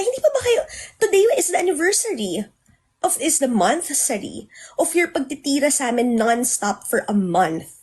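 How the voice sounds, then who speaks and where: A woman's voice: high-pitched, darkish tone, husky. A woman on a livestream, ranting indignantly and very emotionally, switching between Tagalog and English. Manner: self-described very emotional.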